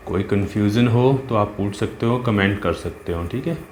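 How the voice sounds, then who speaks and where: Low-voiced man teaching drawing. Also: normal speed, a little mellow, a little hiss or hum. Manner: patient, talks while working, asks "है ना?" and "ठीक है?" often. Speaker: art teacher. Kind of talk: casual step-by-step drawing tutorial. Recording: roomy with faint ambience.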